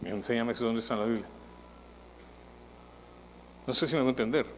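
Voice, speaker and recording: A male pastor delivers a Sunday sermon at a mid-range pitch, chatty and lively, slipping into little acted voices for the people he mentions. His voice carries a long church-hall reverb over a faint hum of background noise. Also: fairly quick. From Colombia. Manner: conversational, animated preaching with acted-out quotes.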